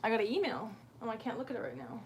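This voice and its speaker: With a husky, fairly high voice and a very fast pace, a woman chats loosely on her casual livestream, self-deprecating and cursing freely. She's at home with a window open, so the recording picks up a noisy room.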